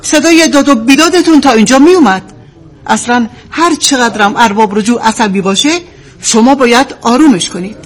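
A woman's voice: on the high side, close to an everyday voice. An actress playing a strict female office manager who talks in a stern, reprimanding way, in a TV drama.

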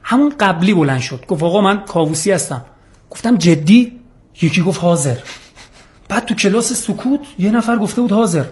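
A man's voice: high voice, lively intonation. A man, a teacher and humor writer, telling a funny classroom anecdote and acting out the dialogue. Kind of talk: comic anecdote.

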